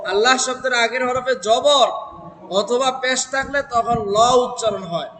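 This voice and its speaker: A man teaching Quran reading, chanting verses slowly and then explaining them letter by letter while quizzing students and having them repeat. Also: very high-pitched, sharp tone, slight background noise. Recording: echoey hall with long reverb.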